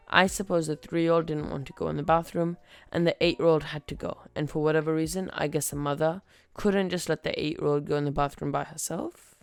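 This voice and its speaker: A podcast host reads stories from the web with a wry, chatty delivery. The voice has a gravelly grain but a smooth, clear tone, recorded close and dry. A faint bed of music sits underneath. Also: medium pitch, no room sound. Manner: wry, conversational narration. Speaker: podcast host reading online posts. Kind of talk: story reading.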